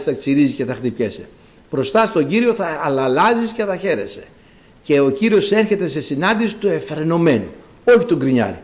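Guy preaching a sermon, kinda high voice, really swoops around, talks right at the congregation. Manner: animated preaching that addresses the congregation directly.

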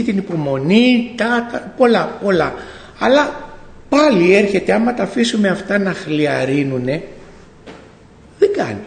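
A middle-aged man tells his faith testimony to a congregation in a gravelly, slightly high voice. He tells it like a story, acting out the dialogue and often correcting himself as he goes. The sound rings through a church hall with a long reverb. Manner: storytelling, acts out dialogue, frequent self-corrections. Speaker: church member giving testimony.

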